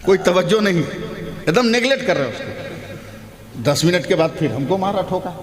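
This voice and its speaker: A man giving a humorous sermon at a public gathering, telling a story and acting out the dialogue, often rising to shouts. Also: high voice, lively intonation, normal speed. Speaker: Islamic preacher. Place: large hall at a public gathering. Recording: long hall reverb with loud crowd.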